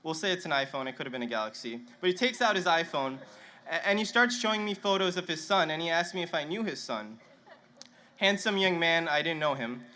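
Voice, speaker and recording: A young adult man, a Punjabi native speaker, gives a commencement speech at a podium microphone during an outdoor stadium ceremony. His voice is on the high side, bright, forceful and expressive, and fairly quick, and he comes across as nervous, joking at his own expense.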